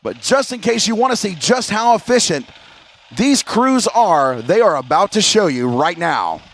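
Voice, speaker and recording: An American man doing airshow commentary as the announcer, addressing a crowd in a showman's style with drawn-out emphasis. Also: sits high, very animated, low-quality recording.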